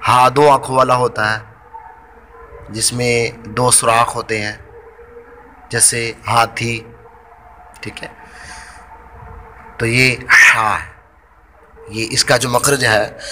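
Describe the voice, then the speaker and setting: A man teaching pronunciation of Arabic letters for Quran reading. He draws out each letter sound loudly, then explains it calmly. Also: medium pitch, slight background noise. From Pakistan. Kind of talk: slow, deliberate pronunciation lesson.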